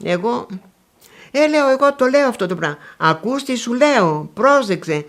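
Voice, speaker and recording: An elderly woman from northwestern Greece tells her memories in an interview. She brings the stories to life by acting out the remembered conversations in different voices. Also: a little high. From Konitsa area, northwestern Greece. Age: older. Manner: lively storytelling, acting out remembered dialogues. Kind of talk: recounting memories.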